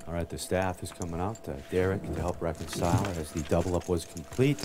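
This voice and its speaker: A man's voice: sits low, fairly even intonation, fast talker, a loud crowd. A man announcing cards and player actions live as a poker tournament floor announcer, procedural and repeating his calls.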